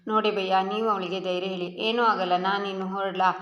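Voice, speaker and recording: A caring young man, as a woman narrator voices him, quiet and soothing, speaking at an even, middle pitch. The voice sits in a roomy space. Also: quick pace, lo-fi sound, lightly acted. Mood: gentle. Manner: soft, soothing. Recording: roomy echo.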